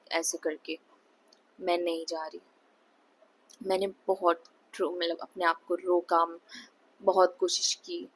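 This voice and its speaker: A young woman casually telling viewers a frightening personal story, mixing English words into her Hindi, with many fillers and restarts. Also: medium pitch. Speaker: vlogger.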